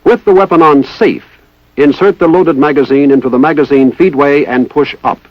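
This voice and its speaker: A man's voice: on the high side, normal speed, no echo. A man with an American accent reading formal, methodical instructional narration in the style of a 1960s military training film. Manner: formal, precise, methodical enunciation. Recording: dull lo-fi 1960s film soundtrack.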